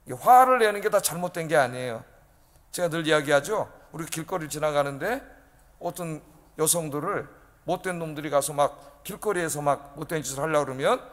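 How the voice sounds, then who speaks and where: High-voiced preacher in a reverberant church. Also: male voice, fairly bright tone. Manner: emphatic preaching, often prodding the congregation with rhetorical questions. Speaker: pastor. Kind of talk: sermon. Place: church sanctuary.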